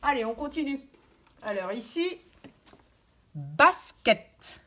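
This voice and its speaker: A woman teaching a recorded lesson to young children, stressing words slowly and clearly. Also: medium pitch, very animated. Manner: slow, sing-song word stress for children; clear instructive tone, addressing children and parents. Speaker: kindergarten teacher.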